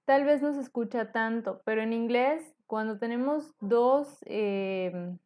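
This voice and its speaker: Slow, patient woman teaching a lesson. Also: fairly high pitch, a little mellow. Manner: slow, patient, asks "ok?" after nearly every phrase. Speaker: English teacher. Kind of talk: online lesson explaining syllables to students.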